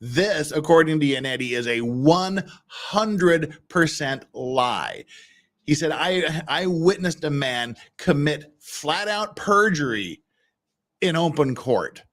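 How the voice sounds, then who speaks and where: Man with very lively, swinging pitch. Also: slow. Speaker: host reviewing trial footage. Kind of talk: casual live commentary.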